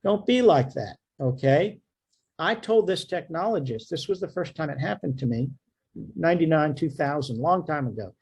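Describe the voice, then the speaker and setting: A man's voice: a little high, expressive, moderate pace, a little mellow, breathy edge. A man, a radiologist, giving a medical lecture in a joking, conversational way, often checking in with "okay?". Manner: jokey, conversational, frequent "okay?" check-ins.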